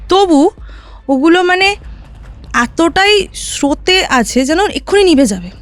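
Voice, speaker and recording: High-voiced woman telling a ghost story. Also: lively intonation, measured pace. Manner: recounts events vividly, often checking in with "right?". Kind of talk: casual storytelling on a horror podcast.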